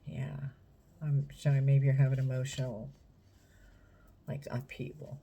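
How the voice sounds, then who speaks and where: A woman reading tarot cards in a casual, unhurried way, musing aloud and talking straight to the viewer. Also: extremely low pitch, little pitch movement, vocal fry, warm tone, breathy edge. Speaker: tarot reader.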